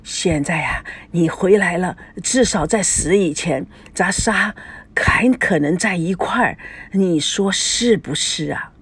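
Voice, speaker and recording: A grieving old man, put on by a woman reading a novel aloud, talks low and slow in a husky, breathy voice. He coaxes and pleads with his long-lost brother. Storybook narration. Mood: coaxing.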